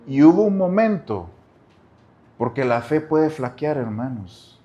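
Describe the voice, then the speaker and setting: A man preaches a sermon as pastor, a little slowly and with big swings in pitch, on a lo-fi recording. Speaking directly to the congregation, he repeats phrases and ranges from soft low asides to loud cries.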